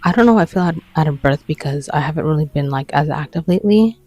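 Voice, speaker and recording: A vlogger chatting casually to the camera late at night, short of breath, rambling and often slipping into a soft whisper. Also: medium pitch, animated, fast, faint music behind, low-quality recording. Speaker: lifestyle vlogger. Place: bedroom at night.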